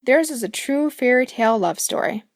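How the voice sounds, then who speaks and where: A woman's voice: on the high side, animated, normal speed, no room sound, studio quality. A woman voicing a reluctant, tomboyish young princess in an audiobook, plain-spoken and stubborn.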